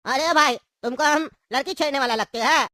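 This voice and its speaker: A squeaky grumpy old man. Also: a little fast, bright, forceful tone, no room sound, studio quality. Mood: sarcastic. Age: older. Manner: scolding, sarcastic. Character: grumpy old man cellmate, quick to insult. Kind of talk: cartoon voice acting.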